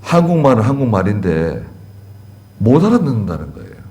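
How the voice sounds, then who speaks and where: A man's lowish, warm, sing-song voice moves at a fairly quick clip as he preaches in a church sanctuary. This pastor keeps things conversational, asking the congregation questions and returning to key words again and again.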